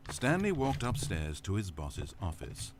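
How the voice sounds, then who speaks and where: A dry, all-knowing storybook narrator in a video game. His voice sits very deep, and it rises and falls expressively as he tells the tale in measured, sardonic sentences. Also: wildly swooping pitch, background noise, full character voice. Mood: wry. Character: dry, wry omniscient male storybook narrator. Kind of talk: scripted narration.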